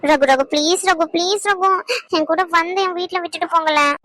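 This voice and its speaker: A woman's voice: extremely high pitch, steady tone, fairly quick, sharp tone, no echo. A woman voicing a sulky, clingy young wife in a cartoon, whining and pleading. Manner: whiny pleading. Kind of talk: cartoon voice acting.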